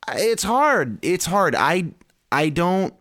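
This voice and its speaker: A man's voice: high voice, very animated, slow pace, a bit bright. A man hosting a podcast, chatting casually with his co-host and introducing interview clips. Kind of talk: casual co-hosted podcast chat.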